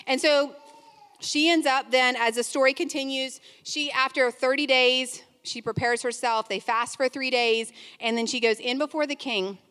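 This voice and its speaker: A woman preacher retelling a Bible story in a sermon, lively, with chatty asides. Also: high voice, moderate pace, clear, resonant tone. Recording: long hall reverb.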